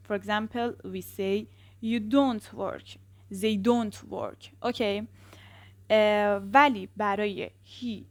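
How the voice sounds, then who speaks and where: A woman teaching an English grammar lesson who explains step by step, checks in with the class and drills word pairs slowly. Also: a little high, no room sound.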